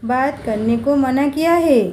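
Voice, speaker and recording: A woman voicing a quiet, withdrawn little ghost girl in a storybook tale, speaking shyly. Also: high voice, a little slow, roomy sound, a little hiss or hum. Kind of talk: storybook character voice.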